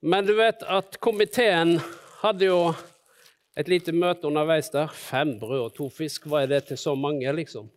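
A man's voice: on the high side, fairly even intonation. A man preaching a sermon, retelling stories and acting out the people in them. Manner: storytelling, acting out the disciples and Jesus in quotes.

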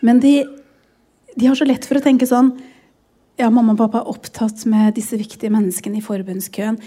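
A woman's voice: on the high side, level tone, dark tone. A woman in her forties, a pastor's wife, sharing a personal testimony in a sermon, emotional and often close to tears.

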